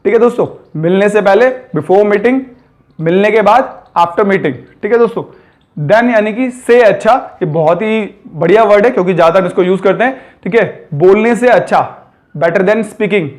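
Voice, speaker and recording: A young man with a high voice gives an English grammar lesson. He talks to his viewers as friends and keeps checking in with them. He slows down and says each English example with care. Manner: addresses viewers as friends, repeats "theek hai" often. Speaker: English teacher. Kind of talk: spoken grammar lesson in Hindi.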